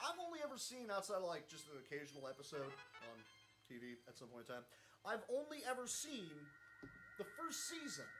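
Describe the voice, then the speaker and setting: Fairly high voiced guy rambling thru a speedrun, laughs at himself, bit of game music under it. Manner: rambling, chuckling, self-deprecating. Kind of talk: casual live game commentary.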